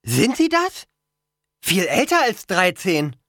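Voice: mid-range voice, wildly swooping pitch, takes it slowly, fairly bright tone, no echo, studio quality, pitched above the performer's own voice, heavily acted. A reader doing an eager teenage archer boy. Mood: urgent.

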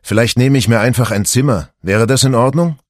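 A man voicing a relaxed, easygoing husband in his forties in an audiobook, speaking up as if over noise. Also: mid-range voice, a little fast, no room sound, clean studio sound, pitched above the performer's own voice, natural voice. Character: relaxed husband, man, 40s, stuck in a crowd.

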